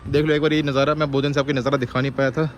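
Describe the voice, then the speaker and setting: A man's voice: medium pitch, level tone, racing, lo-fi sound, slight background noise. A man talking casually to his viewers in a vlog, switching from mock scolding to easy chatter. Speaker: vlogger.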